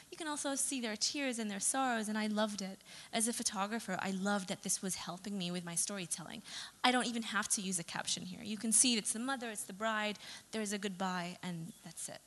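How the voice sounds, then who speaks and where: A woman's voice: mid-range voice, pushed and bright. A young adult woman, a photographer from Saudi Arabia, giving a chatty presentation talk with fillers and self-corrections. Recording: long reverb of a hall.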